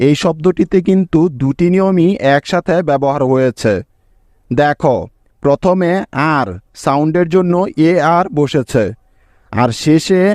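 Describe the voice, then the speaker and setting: Male teacher, patient lesson voice, spells letter by letter, slightly high pitch, dry close-miked recording. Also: darkish tone, no echo. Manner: slow, patient, spells out letters one by one and quizzes the viewer.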